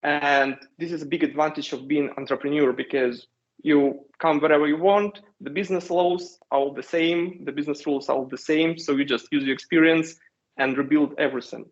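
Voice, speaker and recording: Ukrainian-accented man, fairly high voice. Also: steady tone. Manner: measured, with frequent hesitations. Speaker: company founder, guest. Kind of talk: interview answers. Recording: dull lo-fi sound.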